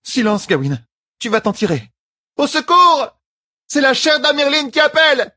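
A man's voice: sing-song, moderate pace, bright, forceful tone, no echo, studio quality, heavily acted. A man voicing a young woman, an anguished sorceress leader, in a raised voice for an audiobook. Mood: urgent shouting. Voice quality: raised pitch, cries out urgently. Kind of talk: audiobook character voice.

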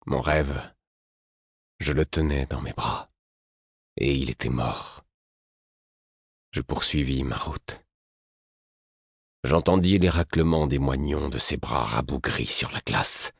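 A man reading a story aloud as an audiobook narrator, in a measured, somber way. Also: rumbling low, gravelly, husky, dry recording, clean studio sound. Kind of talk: scripted narration.

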